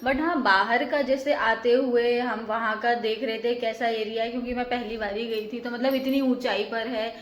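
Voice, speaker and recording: A woman's voice: on the high side, fairly even intonation, moderate pace, few pauses, echoey room. A woman hosting a casual home vlog, chatting to viewers and explaining at length with many fillers. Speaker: vlogger host. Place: home balcony.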